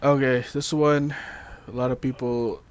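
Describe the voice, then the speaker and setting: A man's voice: mid-range voice, fairly even intonation, unhurried. A man hosting a casual chat, reading trivia notes loosely with fillers, laughs and the odd swear. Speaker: podcast host.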